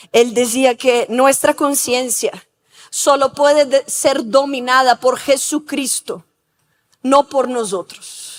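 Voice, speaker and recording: A woman pastor preaching a sermon, telling stories and asking the congregation to repeat after her. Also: a little high. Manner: asks rhetorical questions. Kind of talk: sermon with storytelling.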